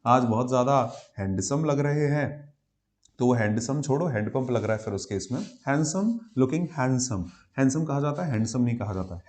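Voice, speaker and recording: A man's voice: mid-range voice, a little mellow. Indian man teaching grammar live. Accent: Indian English. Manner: explains in a Hindi-English mix, greets students by name. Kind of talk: live online class lecture.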